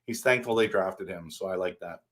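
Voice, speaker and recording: A man's voice: low voice, brisk, a bit bright. A man hosting a casual live stream, rambling and answering his viewers by name while standing at his desk.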